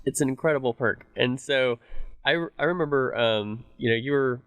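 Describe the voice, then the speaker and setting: A man's voice: medium pitch, steady tone, normal speed, smooth, dry recording. Friendly male podcast host, dry sound. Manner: friendly, conversational, affirming. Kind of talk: podcast interview.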